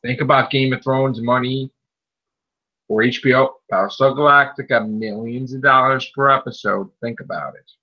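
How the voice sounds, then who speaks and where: This podcast co-host speaks at a moderate pace in a mid-range voice with fairly even intonation. Chatting casually, he presses his opinions hard and often repeats a point to emphasize it, all in muffled lo-fi audio.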